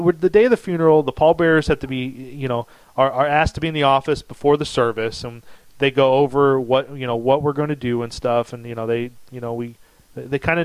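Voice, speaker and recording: A man's voice: fairly high pitch, smooth, no echo, poor audio. A middle-aged man, co-hosting a casual chat and telling a long rambling story with many restarts. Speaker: podcast co-host.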